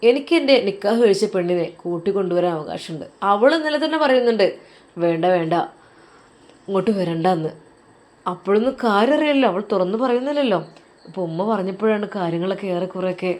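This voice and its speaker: A woman's voice: medium pitch, lively intonation, fast, a little mellow, natural voice. An earnest, determined young husband, as a woman narrator puts him on, speaking with resolve. The voice keeps a Malabar Malayalam accent.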